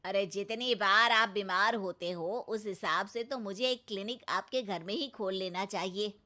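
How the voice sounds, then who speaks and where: A woman voicing a calm middle-aged male doctor in a cartoon, giving advice with a dry joking manner. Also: mid-range voice, moderate pace, lightly acted. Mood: teasing. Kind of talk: Hindi cartoon voice acting.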